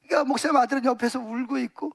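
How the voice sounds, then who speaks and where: A male pastor preaches in a church. His voice sits very high for a man. He tells stories vividly and packs his sentences with emphatic fillers. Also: steady tone, very fast, creaky. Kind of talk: sermon.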